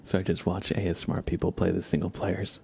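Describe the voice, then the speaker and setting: Low in pitch and flat in delivery, a man whispers softly and breathily through a casual ASMR livestream, rambling at an easy pace. A little hiss or hum can be heard.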